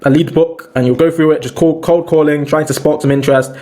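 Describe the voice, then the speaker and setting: A man's voice: a little high, fairly even intonation, fairly quick, mellow. Guy doing a laid-back sales training talk, lots of restarts, calls everyone boys. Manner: informal, addresses listeners as "boys", frequent restarts. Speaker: sales coach. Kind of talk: casual online training talk.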